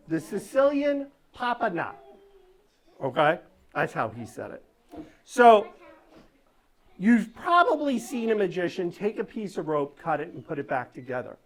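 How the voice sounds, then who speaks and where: A woman doing live magic show patter for children, giving step-by-step instructions and coaxing the audience along with frequent check-in questions. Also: fairly low pitch. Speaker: stage magician performing for children.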